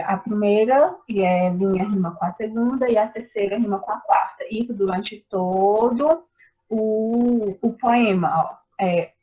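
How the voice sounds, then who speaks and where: A woman giving a class presentation, explaining slowly with hesitant fillers. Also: medium pitch. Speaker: student presenting a poetry assignment. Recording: dull lo-fi recording.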